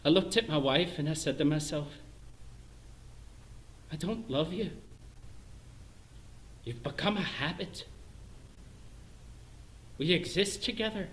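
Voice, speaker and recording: An actor playing a bitter middle-aged clerk with a Northern Irish accent in a theatrical monologue, swinging between hushed self-loathing and shouted rage. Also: male voice, on the high side, animated, slow, long pauses, slight background noise. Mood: furious, scornful. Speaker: stage actor in a one-man show. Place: performance space, live stream. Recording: roomy echo.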